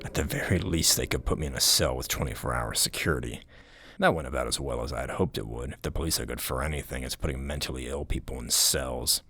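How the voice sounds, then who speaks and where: A man narrating a scary story in a low, haunting, gravelly voice that at times sinks toward a breathy whisper. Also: quick pace, sharp tone, no room sound. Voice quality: deep, gravelly. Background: music.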